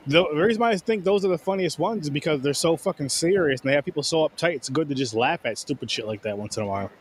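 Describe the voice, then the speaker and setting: A man's voice: a little high, lively intonation, fast talker, a little hiss or hum. A man co-hosting a casual movie podcast, blunt and freely swearing. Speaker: podcast co-host. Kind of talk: casual chat.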